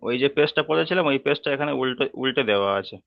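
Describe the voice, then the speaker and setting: Patient man teaching with slow repetition. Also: medium pitch, animated, gravelly, no echo, lo-fi sound. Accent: Bengali. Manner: patient, repeats each term and spells sounds out slowly. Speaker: Quran reading teacher. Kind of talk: slow step-by-step lesson.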